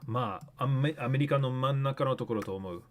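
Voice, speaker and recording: A man's voice: mid-range voice, quick pace. A young man casually thinking aloud while streaming a guessing game, rambling with many fillers.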